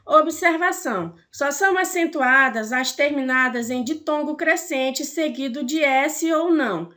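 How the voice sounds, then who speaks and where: A woman's voice: high-pitched, a little slow, pushed and bright. A woman teacher with a Brazilian Portuguese accent giving a recorded lesson, explaining step by step with frequent fillers and checking questions.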